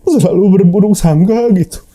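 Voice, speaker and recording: A young man shares a personal story as a guest in casual, heartfelt conversation, restarting often and quoting lines. His voice is high and dark-toned, at a moderate pace.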